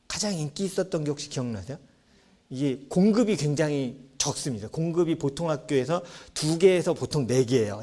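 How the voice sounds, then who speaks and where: A man preaching a sermon as pastor, telling stories with lively acted-out voices of children and parents. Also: on the high side. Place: church sanctuary.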